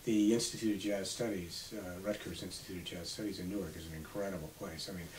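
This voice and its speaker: A man in his seventies, an author being interviewed on radio, telling unhurried stories from his past. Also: low voice, fairly even intonation. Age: 70s. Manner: reminiscing, unhurried storytelling. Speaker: author guest. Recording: slightly distant mic with faint hiss.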